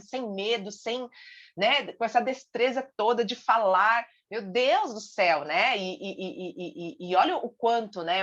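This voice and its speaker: A Brazilian woman with a mid-pitched voice gives a casual Bible lesson, talking in a chatty way, with many fillers and restarts. The recording sounds a little dull and lo-fi. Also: fairly bright tone. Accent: Brazilian Portuguese. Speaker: Bible study teacher and sales team leader.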